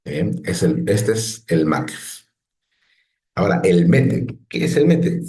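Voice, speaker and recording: Low, mellow-voiced male teacher. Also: very animated, slow, echoey room. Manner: patient, explanatory, frequent "¿no?" checks and restarts. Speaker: Biblical Hebrew teacher. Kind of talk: online lesson explaining on a screen.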